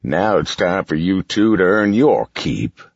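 A man voicing a scheming, sneering mine boss who speaks slowly and with menace. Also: low-pitched, very animated, breathy edge, no room sound, heavily acted. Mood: menacing. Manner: slow, gloating, menacing. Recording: dull, muffled recording.

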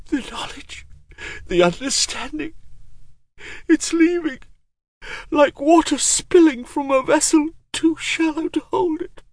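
A man voicing an old legendary sorcerer, speaking in a high, strained hoarse voice, anguished and insistent. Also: expressive, takes it slowly, long pauses, no room sound, exaggerated voice. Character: old male legendary sorcerer, shaken and imperious. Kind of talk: audiobook character voice.

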